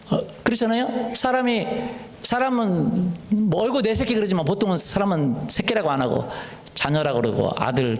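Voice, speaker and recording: A man preaching a sermon as pastor, asking the congregation questions and swinging from hushed whispers to loud fervent lines. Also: high-pitched. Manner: call-and-response preaching, dropping to whispers then rising loud; playful, mimics dogs and children. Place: church sanctuary. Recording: echoey church hall.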